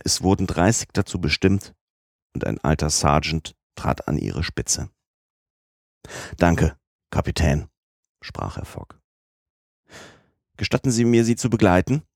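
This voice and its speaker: A man narrating an audiobook in a measured, even storytelling manner. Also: a bass voice, vocal fry, no echo, studio quality. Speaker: audiobook reader.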